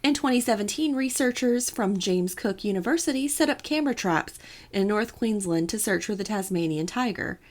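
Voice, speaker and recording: A woman's voice: medium pitch, animated, normal speed. A woman co-hosting a casual podcast, telling a story with playful asides and a chatty manner. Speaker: podcast co-host.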